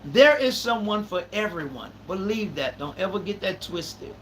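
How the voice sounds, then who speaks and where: A man's voice: sits high, lively intonation, moderate pace, a bit bright, slight background noise, poor audio. A man, hosting a live podcast in casual talk and repeating phrases for emphasis. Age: 30s. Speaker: podcast host.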